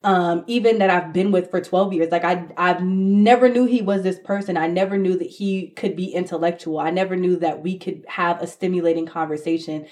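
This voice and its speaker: A woman with a New York accent talks in a reflective, conversational podcast style. Her voice sits a little low for a woman. She is emphatic, often repeating a word or phrase to drive a point home. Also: steady tone, a little fast, hardly any pauses, darkish tone. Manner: emphatic, repeats words for stress. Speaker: podcast co-host.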